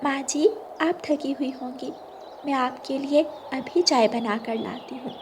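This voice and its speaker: Young sparrow bride voiced by a woman, bright high pitch, polite and obedient, slight hiss. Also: unhurried. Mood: eager. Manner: polite, eager. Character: dutiful young sparrow daughter-in-law, eager and obedient. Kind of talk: storybook cartoon voice acting.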